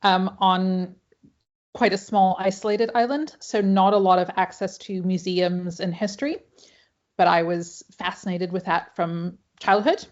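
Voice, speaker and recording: A woman's voice: fairly low pitch, fairly even intonation, a little slow. A woman with an American accent, a pattern maker and historian, talking chattily with many fillers on an online panel. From Hawaii, United States. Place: home, late at night in New Zealand. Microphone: video call. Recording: dull lo-fi video call audio.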